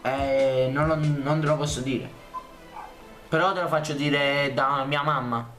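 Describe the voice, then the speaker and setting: A man's voice: mid-range voice, fairly even intonation, unhurried, fairly bright tone, faint music behind. A man with a Neapolitan accent bantering in street slang on a prank call.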